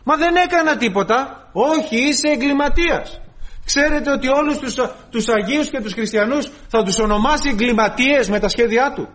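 A man's voice: very high voice, fairly bright tone. A man preaching a sermon, addressing the congregation as brothers and acting out the voices in his stories. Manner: storytelling, acts out quoted voices, addresses listeners as brothers.

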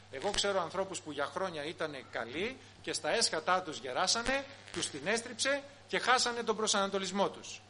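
Animated, bright-voiced male preacher. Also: fairly high pitch, slight background noise. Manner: animated, rhetorical questions, acts out quoted voices. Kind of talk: sermon.

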